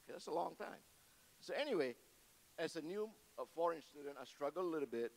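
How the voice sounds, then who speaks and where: A man's voice: a little high, expressive, quick pace, vocal fry, rough recording. A man, giving a personal testimony to a church congregation and telling his story with humorous asides. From Malaysia. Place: church before a live congregation.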